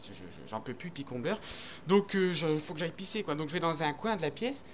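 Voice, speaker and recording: A man's voice: on the high side, animated, fairly quick, slight background noise. A man doing stand-up comedy on stage, telling a rambling, crude story full of slang and acted-out voices. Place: comedy stage before an audience.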